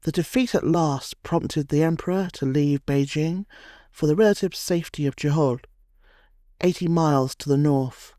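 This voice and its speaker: A man narrating a history documentary from a script, in a measured, dramatic storytelling cadence. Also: a little high, warm tone, dry recording, clean studio sound.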